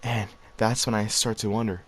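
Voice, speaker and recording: A young man with a lowish voice rambles through a personal story for his viewers. He talks in loose slang and keeps chuckling at himself. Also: little pitch movement, normal speed, fairly bright tone, slightly rough. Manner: slangy, rambling, laughs while telling. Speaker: vlogger. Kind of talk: casual storytelling.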